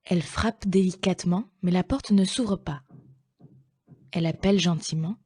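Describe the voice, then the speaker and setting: Mellow, husky woman storyteller. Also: lowish voice, moderate pace, no echo, clean studio sound. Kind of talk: children's story narration.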